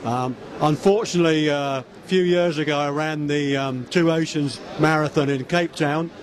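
A man's voice: on the high side, moderate pace. An older man from the United Kingdom, chatty and self-deprecating, speaking into a handheld mic at an indoor expo stand. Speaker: interviewee, ultra runner. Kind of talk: talking to camera at a race expo.

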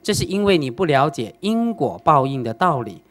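A woman voicing a calm, wise old male Zen master who explains things patiently, with a playful, teasing edge. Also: low-pitched, moderate pace.

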